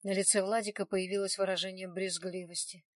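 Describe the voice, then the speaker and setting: A woman narrating an audiobook in the first person, steady and measured. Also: medium pitch, dry recording, studio quality, far from the mic.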